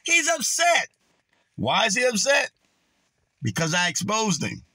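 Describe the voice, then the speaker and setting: High-pitched preachy man ranting. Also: sing-song, moderate pace, sharp tone, slightly rough, no echo. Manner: preachy, scolding, quotes scripture. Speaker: online commentator. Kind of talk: confrontational video rant.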